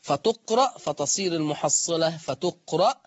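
A man with an Egyptian accent teaching Quran recitation rules step by step in colloquial speech, drawing out the example words slowly. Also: a little high, lively intonation, dry recording, dull audio. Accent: Egyptian Arabic. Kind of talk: lesson on the reading of Warsh.

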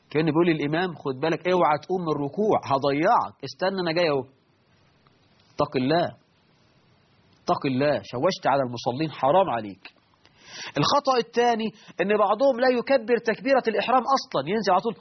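Male Egyptian preacher, raised pitch, admonishing teacher tone, husky voice, lo-fi muffled audio. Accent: Egyptian Arabic. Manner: admonishing, mimics worshippers mockingly. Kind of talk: religious lesson on prayer errors. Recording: muffled lo-fi recording.

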